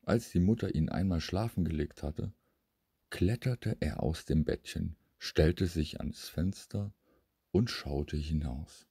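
A man reading a bedtime story to children in a calm, unhurried way. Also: low-pitched, gravelly, breathy edge, no room sound, clean studio sound.

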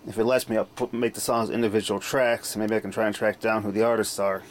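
This is a hobbyist vlogger filming himself on a handheld camera in a dim room at home, offhandedly narrating a hands-on demo. He talks fast with a lowish, flat delivery, and the camera mic audio is clearly noisy.

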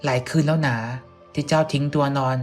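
A reader voicing a brooding nobleman from a past era who speaks slowly in formal, archaic phrasing, with some music behind. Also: medium pitch, little pitch movement, lightly acted. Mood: sulky. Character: stern brooding nobleman, old-style speech. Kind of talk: audiobook role reading.

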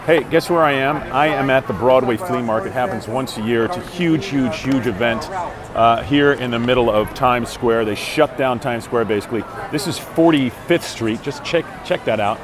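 Walking through a street fair outdoors, a man in his forties who acts on Broadway streams live from his phone, talking casually and cheerfully with lots of fillers. His voice sits at medium pitch and normal speed. Audio comes through an earbud headset mic, phone held at arm's length, against crowd noise from the busy city street.

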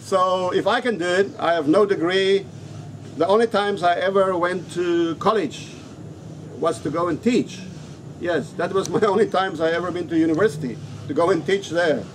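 His voice sits high and moves at normal speed as this middle-aged African vlogger, an English teacher and trainer, talks casually to camera and repeats words for emphasis. English is his third language, not his first, and noisy open-air ambience from an open-sided Philippine resto-inn runs behind him.

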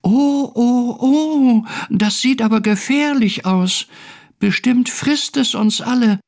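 A man voicing tiny, boastful creatures living under a house, in an excitable, bragging way, in a read-aloud game story. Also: extremely high pitch, slow pace, pitched above the performer's own voice, full character voice.

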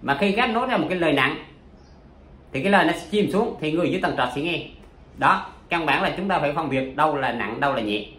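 A man's voice: fairly high pitch, expressive, fast, fairly bright tone, reverberant. A man teaching poetry in a chatty, casual way, full of examples and fillers. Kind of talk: casual spoken lesson.

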